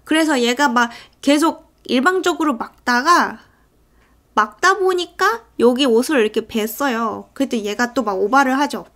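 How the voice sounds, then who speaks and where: A woman's voice: sits high, normal speed, a bit bright. Chatty woman recapping a film. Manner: chatty, breaks into acted character lines. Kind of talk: casual movie recap narration.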